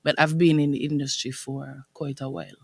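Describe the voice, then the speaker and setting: A young woman, a business owner, speaking as a guest on a radio interview, articulate and quick to laugh. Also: a bass voice, little pitch movement, husky, no echo. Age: young adult. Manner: articulate, laughs often, upbeat. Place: radio studio.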